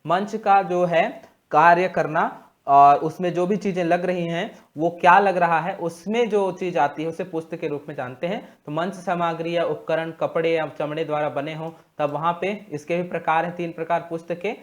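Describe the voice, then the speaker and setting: Young guy teaching exam prep, slowish, repeats terms a lot, voice a bit high for a man. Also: steady tone. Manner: explains slowly, repeats terms and pauses on "अ". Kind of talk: lecture.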